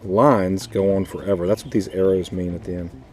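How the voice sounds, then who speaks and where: A man's voice: low-pitched, fairly even intonation, normal speed, darkish tone. An American man teaching an informal math lesson as a schoolteacher, repeating key points and asking checking questions. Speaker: fourth grade math teacher.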